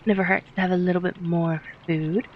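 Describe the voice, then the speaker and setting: A woman's voice: fairly low pitch, level tone, brisk, highs cut off, slight background noise. Chatty woman narrating her gameplay. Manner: chatty, giggles at puns, thinks aloud. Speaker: let's play host. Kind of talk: casual gameplay commentary.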